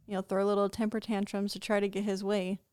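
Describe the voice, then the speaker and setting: A woman's voice: medium pitch, little pitch movement, fast talker, a little mellow, smooth, no echo, studio quality. A woman talking casually and matter-of-factly on a podcast. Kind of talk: casual chat.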